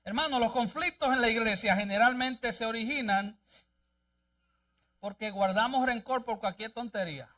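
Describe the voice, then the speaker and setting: A man's voice: very high voice, moderate pace, sharp tone, recorded from a distance. A male pastor preaching a sermon and reading scripture aloud in a church, with an emphatic delivery. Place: church sanctuary.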